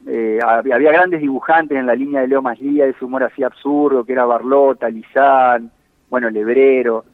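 Un hombre invitado habla en una charla informal. Suena relajado y repite palabras mientras busca qué decir. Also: male voice, medium pitch, moderate pace, dry recording. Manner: relaxed, repeats words while searching for them. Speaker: guest. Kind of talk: casual phone chat. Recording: tinny dry phone line.

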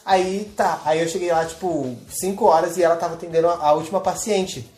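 A man's voice: fairly high pitch, steady tone, brisk, darkish tone, roomy sound, soft background music. A young Brazilian man, a podcast host, casually telling a story in slangy talk full of reported dialogue.

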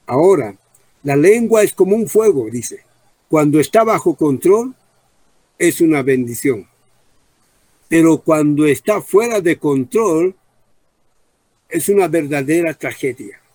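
A man preaching a Bible study sermon, repeating key phrases, slowing down on emphasized words and asking the congregation questions. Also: fairly high pitch, a little mellow, no echo.

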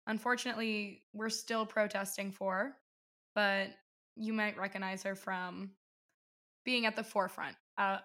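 A woman's voice: medium pitch, fairly bright tone. A woman hosting a casual interview, speaking informally and addressing both guest and listeners. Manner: informal, complimentary. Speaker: podcast host.

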